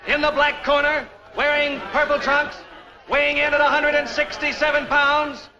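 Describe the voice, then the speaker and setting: A man announcing a boxing match from the ring. His voice is strikingly high, with slow, stretched, formal phrasing. The sound is a dull vintage film track. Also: little pitch movement, background noise. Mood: formal, proclaiming. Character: boxing ring announcer introducing two fighters.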